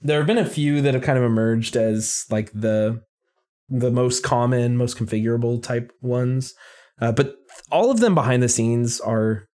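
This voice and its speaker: Conversational man with a mid-pitched voice. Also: normal speed, dark tone. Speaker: podcast co-host. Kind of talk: casual technical explanation.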